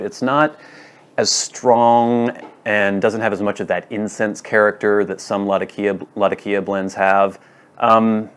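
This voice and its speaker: Indoors in a wood-floored room at home, a pipe tobacco reviewer with a deep-set, low voice talks casually to camera. He speaks in a measured, deliberate way, often breaking into short, itemised phrases.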